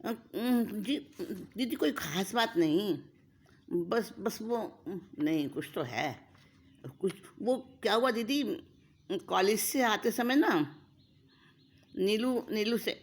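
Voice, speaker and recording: A woman voicing an excitable young female college student who talks breathlessly and stammers. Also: medium pitch, takes it slowly, voice pushed up. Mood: flustered.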